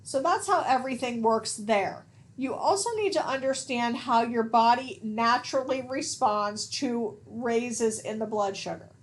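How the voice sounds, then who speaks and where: A woman's voice: fairly high pitch, unhurried. Chatty woman lecturing, fond of "okay?". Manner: casual teaching, frequent "okay?" check-ins. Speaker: nursing instructor. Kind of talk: recorded lecture.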